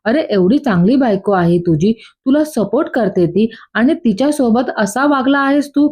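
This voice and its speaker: A woman's voice: on the high side, animated, normal speed, darkish tone. A woman reading as a sly scheming aunt. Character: scheming woman stirring family trouble. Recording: dull lo-fi.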